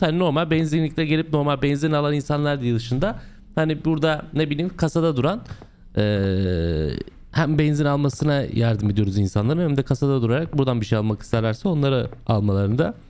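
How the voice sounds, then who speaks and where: A young man with a slightly hoarse voice from a sore throat, chatting his way through a horror game as host, joking and breaking into loud exclamations. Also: a little high, fairly quick. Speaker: gaming channel host. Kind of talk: let's play commentary.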